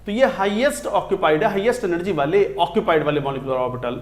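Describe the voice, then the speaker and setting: A man's voice: high-pitched, lively intonation, fast talker, reverberant. A man with an Indian accent teaching chemistry in a lecture, counting aloud as he writes on the board. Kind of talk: classroom lecture mixing Hindi and English.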